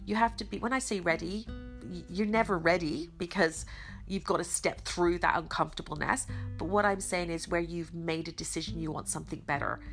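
A middle-aged woman with a slightly hoarse, croaky voice hosts a motivational podcast, speaking earnestly and encouragingly with emphatic pauses. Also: mid-range voice. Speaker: podcast host. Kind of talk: motivational self-help monologue.

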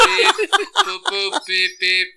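A man on a casual podcast voicing a stiff robot cop in a clipped, monotone robot voice. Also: high-pitched, slow pace, very noisy, exaggerated voice. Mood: robotic. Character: stiff male robot cop, flat and mechanical. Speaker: podcast co-host. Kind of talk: joking robot impression in casual chat.

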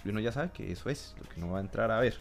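A man's voice: on the low side, lively intonation, racing, gravelly, soft background music. A man hosting a podcast in casual chat, joking crudely and teasing his guest. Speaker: podcast host.

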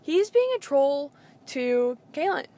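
A woman's voice: high-pitched, sing-song, slow pace, mellow. A young woman co-hosting a casual pop-culture podcast, rambling with lots of filler words. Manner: rambling, filler-heavy with frequent "like". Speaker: podcast co-host.

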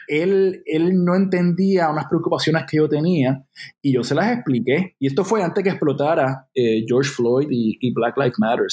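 As a guest in a conversational interview, a Puerto Rican man in his forties speaks with a Puerto Rican Spanish accent in a fairly high, slightly mellow voice. He comes across as earnest and reflective, thinking aloud and restarting his sentences.

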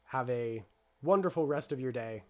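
A man's voice: medium pitch, expressive, moderate pace, darkish tone. A man hosting a tabletop role-play podcast, wrapping up the show in an upbeat way with lots of "uh" fillers. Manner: upbeat, promotional, with many "uh" fillers. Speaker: storyteller and podcast host. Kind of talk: podcast sign-off.

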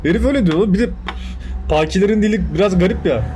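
A man's voice: sits high, fast talker, mellow, slight background noise. A young man chatting casually as a podcast co-host, swearing freely and acting out the voices in his stories. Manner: swearing, acts out quoted voices. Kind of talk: casual chat, storytelling.

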